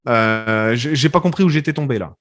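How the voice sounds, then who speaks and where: A man's voice: medium pitch, fairly quick, a bit bright. Chatty man from France, casual. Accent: French from France. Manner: conversational, many fillers and restarts. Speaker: community radio journalist. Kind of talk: relaxed interview.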